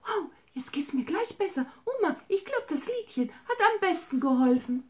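A woman's voice: fairly even intonation, unhurried, dark tone. A woman voicing a little sick male bunny who is whiny and tearful. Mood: cheerful. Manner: high, tearful and whimpering.

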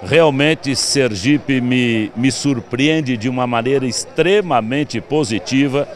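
A man's voice: mid-range voice, takes it slowly. Middle-aged Brazilian man in an interview. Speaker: interviewed cattle expert. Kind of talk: on-location interview. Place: outdoor evening livestock fair. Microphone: handheld reporter's microphone.

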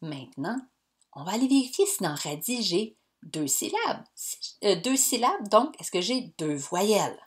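A woman, teaching young pupils in a slow, clear, encouraging way. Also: medium pitch, sing-song. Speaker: primary school teacher. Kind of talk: recorded lesson for young pupils.

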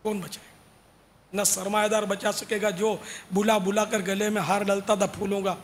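A man's voice: high-pitched, flat delivery, long reverb tail, slight background noise. A man preaching an informal sermon to devotional singers, urging them earnestly and dropping casual asides. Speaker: religious preacher.

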